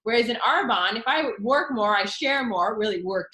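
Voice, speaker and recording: A woman pitching her network marketing business in an excited, chatty way, with many fillers. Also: normal speed. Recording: echoey room.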